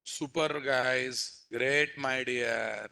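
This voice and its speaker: A man's voice: medium pitch, steady tone, drawn-out words, creaky, bright, forceful tone. A man with a Telugu Indian accent teaching a live coding lesson, repeating phrases and prompting students with questions. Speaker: programming instructor.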